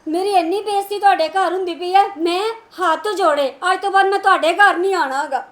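A hurt married daughter, played by a woman, complains through tears. Her voice is very high and aggrieved, in a homemade family drama. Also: fast, a bit bright. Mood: tearful. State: crying.

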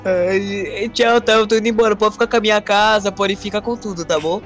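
Very high-pitched frantic Brazilian gamer. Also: male voice, fairly even intonation, brisk, a bit bright. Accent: Brazilian Portuguese. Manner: frantic, whiny, keeps repeating himself. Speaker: gaming guest. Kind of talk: panicked gameplay role-play. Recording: background music under voice.

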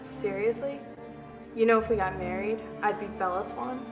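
A woman playing an intense young vampire-romance superfan and club founder who gushes in rapid bursts. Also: mid-range voice, natural voice. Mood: gushing. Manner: gushing, rapid-fire. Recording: echoey room, mic far off. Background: background music.

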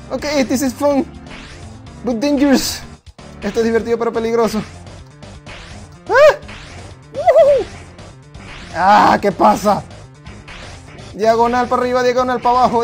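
A man's voice: very high-pitched, normal speed, long pauses, faint music behind. A man playing a video game at home, chatting to the characters and yelping and swearing when things get tense. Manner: excitable, yelps and swears when under pressure; chats to the game characters and reads their lines aloud. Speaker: gaming channel host. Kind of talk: casual let's play commentary.

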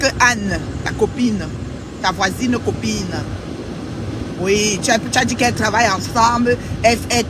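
A woman with a Cameroonian French accent ranting to her viewers from inside a car, teasing and taunting in a repetitive sing-song way. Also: medium pitch. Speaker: social media personality. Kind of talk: casual vlog rant to viewers. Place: inside a car outdoors in cold weather. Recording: noisy car and street background.

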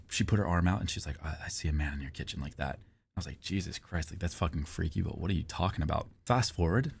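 A man's voice: deep voice, gravelly, darkish tone. A man streamer telling a long personal story in a rambling, casual way, often repeating himself and swearing.

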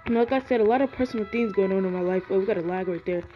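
A man's voice: high voice, rapid-fire. A man giving earnest, rambling gameplay commentary from a cold garage, shivering and full of ums and likes. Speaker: gaming YouTuber. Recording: dull lo-fi audio with loud music.

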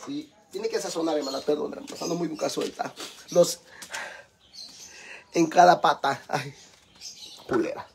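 Mexican man, campy cooking streamer, high voice, teasing and crude with viewers. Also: steady tone, normal speed, gravelly, long pauses, a little mellow, slight background noise. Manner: campy, teasing, foul-mouthed banter with viewers. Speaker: livestream cooking host. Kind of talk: casual cooking livestream chat.

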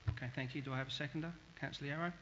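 A middle-aged man chairs a formal meeting, brisk and businesslike. His voice rings through a large hall, slightly dull, over a faint hiss. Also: medium pitch, steady tone, a bit bright. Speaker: committee chair. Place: large council chamber. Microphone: desk microphone.

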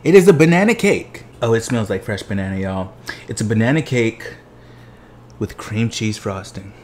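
A man's voice: fairly low pitch, animated, normal speed, a little mellow, slight background noise. A man in his thirties talking chattily as he tastes desserts at home, savoring each bite with exuberant delight. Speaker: food vlogger. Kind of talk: dessert tasting vlog. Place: living room at home.

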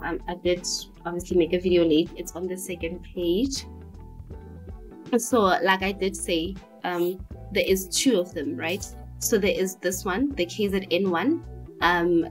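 A South African woman talking casually to her viewers, chatty and full of fillers, often checking that they follow her. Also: fairly low pitch. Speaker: vlogger giving career advice.

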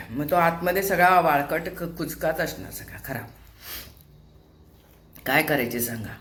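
A woman's voice: sits low, slow, fairly bright tone, reverberant. An older woman, host of a home vlog, chatting casually while cooking, asking rhetorical questions and scolding in a homely way. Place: home kitchen.

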